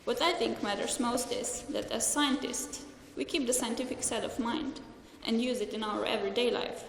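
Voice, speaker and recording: A woman's voice: on the high side, normal speed, a little hiss or hum. Young Slovenian woman giving a graduation speech. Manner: careful, earnest, read from notes with small restarts. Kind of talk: formal ceremony speech. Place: large hall. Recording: echoey hall with faint ambience.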